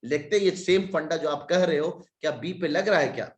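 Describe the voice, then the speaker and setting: A man's voice: on the high side, normal speed, echoey room. A man teaching a maths class online, working sums aloud step by step with joking asides, slightly stuffy from a cold. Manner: talks through sums step by step, jokey asides.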